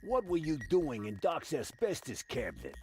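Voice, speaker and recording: A man voicing a blunt, gruff soldier-type in a video game. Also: a little high, wildly swooping pitch, moderate pace, darkish tone.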